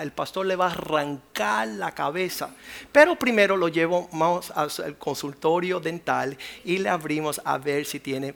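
A man preaching as a pastor, dropping to whispers and rising to loud acted quotes. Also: fairly high pitch, vocal fry, slight background noise. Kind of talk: sermon.

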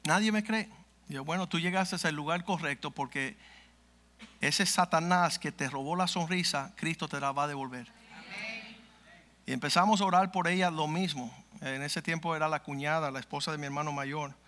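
A man's voice: fairly high pitch, fairly even intonation, brisk, bright, forceful tone. A male pastor telling a testimony in a sermon, acting out the dialogue as he goes. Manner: vivid storyteller acting out dialogue.

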